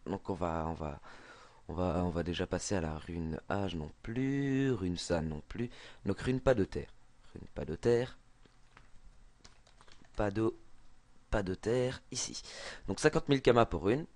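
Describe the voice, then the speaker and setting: A man's voice: low voice, measured pace, long pauses, a little mellow. A man with a Belgian French accent explaining a game trick over a screen recording, hesitant with many fillers and restarts. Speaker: gaming tutorial maker.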